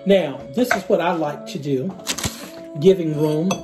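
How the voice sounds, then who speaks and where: A man's voice: a little high, unhurried, over music. A middle-aged man hosting a cooking demonstration in a home kitchen, explaining each step and repeating the key points. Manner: instructive, repeats key steps, savoring exclamations. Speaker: cooking show host. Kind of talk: recipe demonstration. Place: home kitchen, indoors, small.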